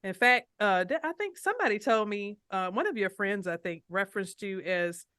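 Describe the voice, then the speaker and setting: A woman hosting a casual interview podcast, talking in an animated, playful way and addressing listeners directly. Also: medium pitch, normal speed, no room sound, clean studio sound. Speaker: podcast host and financial coach.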